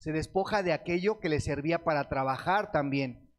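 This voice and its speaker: Guy preaching a sermon, kinda higher voice, asks stuff n answers it, calls everyone beloved brethren. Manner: asks questions and answers them himself; reads scripture aloud with slow stretched words.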